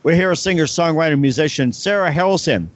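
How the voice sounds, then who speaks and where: Male interview host, pitched a little high, slightly dull recording. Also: fast. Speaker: show host. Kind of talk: radio-style interview and sponsor read. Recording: dull, lo-fi audio.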